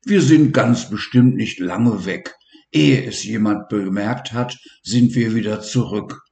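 A man's voice: on the low side, takes it slowly, gravelly, roomy sound. A man voicing a proud, caring male lion king in a storybook reading. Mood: reassuring. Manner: reassuring, bold, loud roars.

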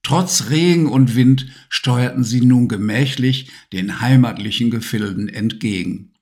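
Slow, calm male storybook reader. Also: medium pitch. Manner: calm and measured. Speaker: narrator. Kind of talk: storybook reading.

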